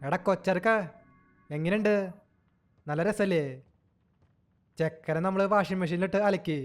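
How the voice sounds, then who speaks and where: A man's voice: high-pitched, moderate pace, faint music behind. A young man giving playful game commentary, teasing and cooing at an in-game baby as if it were a child. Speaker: gaming channel host.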